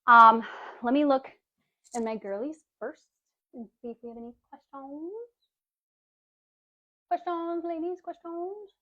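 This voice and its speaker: A breezy woman coach talks viewers through a workout demo in a slightly high voice, tossing out pet names as she goes. The audio is a bit dull and lo-fi, like a home livestream. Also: normal speed, pauses often, pushed and bright. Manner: chatty, breezy, calls viewers baby and girlies. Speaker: fitness coach. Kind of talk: casual live workout demonstration.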